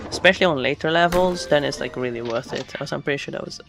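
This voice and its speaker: A man's voice: mid-range voice, very fast, creaky. A man casually commenting on his solo game stream, rambling and correcting himself as he goes. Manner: rambling, self-correcting, chatty. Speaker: gamer streaming solo play. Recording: game music behind the voice.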